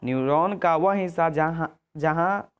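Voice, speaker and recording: Exam-prep tutor, repetitive, self-correcting, mid pitch. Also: measured pace, clean tone, lo-fi sound. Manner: checks in with "ठीक है" and "आगे देखिए". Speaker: teacher. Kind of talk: exam answer walkthrough lesson.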